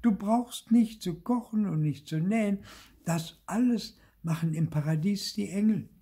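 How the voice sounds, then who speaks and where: An older man voicing a poor, short-tempered peasant husband who scolds loudly and impatiently, in a husky voice. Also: sits high, unhurried, pitched above the performer's own voice, exaggerated voice. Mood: scolding.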